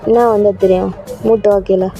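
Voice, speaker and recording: A woman voicing a bossy, gruff young man in a fan-dubbed audio story, curt and scolding. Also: medium pitch, level tone, brisk, mellow, lo-fi sound, faint music behind, voice pushed down, lightly acted. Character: bossy, gruff young man who orders his friend to shut up.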